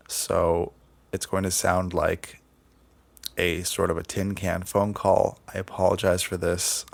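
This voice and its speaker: A man hosting a podcast, talking casually in measured, sometimes hesitant phrases. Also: low voice, vocal fry, no echo. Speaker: podcast host. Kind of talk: casual podcast introduction and conversation.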